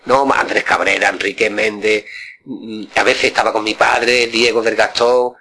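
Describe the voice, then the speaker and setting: A man's voice: fairly low pitch, steady tone, moderate pace, sharp tone. An older man, a flamenco guitarist, reminiscing casually in an interview, rambling and repeating words with many tag questions.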